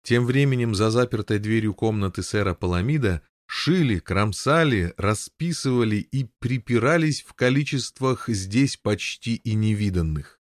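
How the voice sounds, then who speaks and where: A man reading an audiobook aloud in a wry, measured storytelling manner. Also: fairly low pitch, lively intonation, dry recording, clean studio sound. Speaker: audiobook narrator. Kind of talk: scripted narration.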